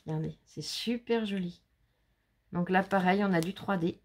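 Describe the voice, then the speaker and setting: A woman's voice: lowish voice, moderate pace. A woman from France, hosting a casual show-and-tell of handmade cards at home, chatty and gushing as she talks to her viewers. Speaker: scrapbooking channel host.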